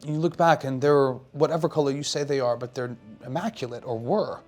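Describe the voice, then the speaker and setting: A man working as game master, improvising narration for a tabletop game in casual, descriptive, halting phrases. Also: medium pitch, darkish tone, faint music behind.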